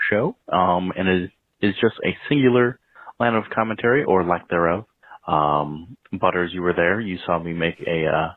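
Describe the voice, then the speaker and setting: A man's voice: low voice, no echo. A man calling in to a podcast, leaving a rambling, hesitant voicemail over a landline phone, with many ums. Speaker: caller. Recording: tinny phone line.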